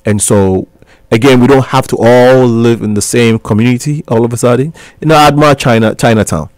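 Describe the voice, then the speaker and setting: This is a medium-pitched, somewhat dark male voice with no room sound. The speaker, a Ghanaian man in his thirties acting as guest and talk show host, persuades earnestly on college radio in a small studio, restarting often.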